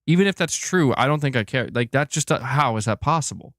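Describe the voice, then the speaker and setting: A man hosts a gaming news livestream, chatting casually with viewers and reacting to chat. His medium-pitched voice is animated, brisk and fairly bright, recorded at studio quality with no echo.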